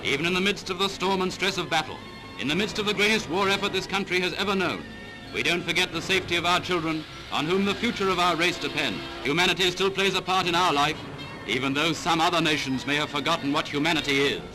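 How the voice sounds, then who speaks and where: A man narrating an old wartime newsreel in a brisk, rousing, patriotic announcer's manner. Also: fairly high pitch, poor audio. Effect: old newsreel soundtrack with music behind. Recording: newsreel audio with music. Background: music.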